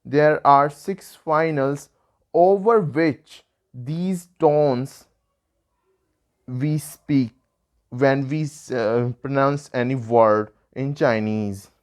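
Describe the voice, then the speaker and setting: A young Indian man teaches in an Indian English accent, speaking slowly and taking each point one at a time. His voice is smooth and clear, and he pauses to model sounds for the learner. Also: medium pitch, lo-fi sound. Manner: patient, explains step by step, demonstrates sounds. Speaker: language tutor. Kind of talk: online language lesson.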